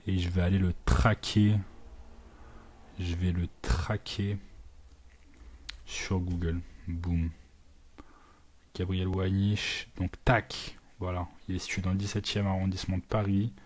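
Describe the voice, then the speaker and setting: A man's voice: sits low, little pitch movement, takes it slowly, long pauses, darkish tone. A man who runs a digital marketing agency, narrating his work live in a casual way, thinking aloud with many fillers and little sound words, and dropping English business terms into his talk. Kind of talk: live screen walkthrough, casual.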